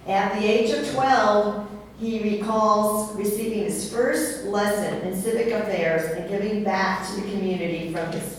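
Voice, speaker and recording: Brief: middle-aged woman at a podium, introduction speech, distant mic, boomy hall. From San Diego, United States. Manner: reads a biography with occasional fillers. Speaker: speaker introducing her father at an event. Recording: echoey hall, voice from far off, faint hiss.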